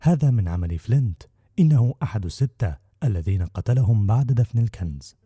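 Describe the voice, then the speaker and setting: A man reading an audiobook voices a sly, smooth-talking one-legged male pirate captain with a persuasive, wheedling manner. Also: on the low side, expressive, a little fast, warm tone, no room sound, clean studio sound, soft background music. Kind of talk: audiobook character voice.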